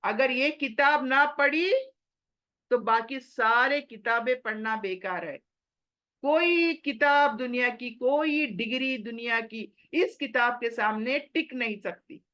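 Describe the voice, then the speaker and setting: A woman's voice: fairly high pitch, slow pace, bright, forceful tone. A woman giving a religious lesson in an earnest, exhorting manner, slipping English phrases into her talk. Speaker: Quran teacher.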